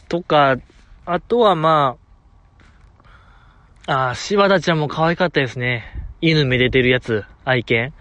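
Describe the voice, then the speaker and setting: A man with a Kansai accent hosts a solo show, running through fan gossip in an eager, chatty way and chuckling as he goes. His voice sits a little on the high side, and the sound is close and dry with no room around it. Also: fairly bright tone, dry recording. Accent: Kansai Japanese. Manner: chatty, enthusiastic fan banter with frequent chuckles. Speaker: podcast host.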